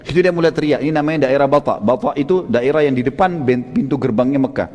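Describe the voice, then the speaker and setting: A man preacher telling a religious story as a vivid storyteller, often rising into loud exclamations and addressing listeners as friends. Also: mid-range voice, quick pace, big-room sound. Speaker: Islamic preacher.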